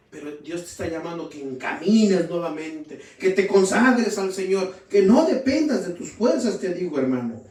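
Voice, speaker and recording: A man's voice: high-pitched, a little mellow. A man preaching a fervent sermon in a church, often calling his listeners brothers. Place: church hall. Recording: roomy, distant from the mic.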